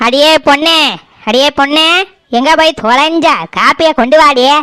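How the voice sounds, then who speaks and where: A woman voicing a sharp-tongued older mother-in-law in a cartoon, speaking with a Kanyakumari Tamil accent in a scolding, self-pitying way. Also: high voice, normal speed, dry recording.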